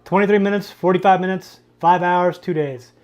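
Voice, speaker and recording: A man co-hosts a casual livestream trivia game, reading the questions aloud and teasing the chat. His high voice is a little mellow, with a steady tone and normal speed, and the sound is lo-fi.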